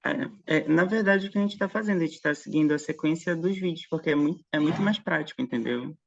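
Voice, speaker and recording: A man chatting casually with a colleague before an online conference session, friendly and quick to laugh, heard over a video call. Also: on the high side, gravelly, highs cut off. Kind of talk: casual online meeting chat.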